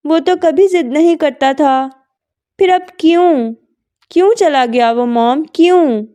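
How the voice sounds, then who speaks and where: A woman's voice: high voice, slow pace, mellow, voice pushed up. A woman reading a novel aloud, voicing a heartbroken young woman pleading through tears. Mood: distraught. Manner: pleading, distraught. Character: grief-stricken young woman sobbing over her lost love.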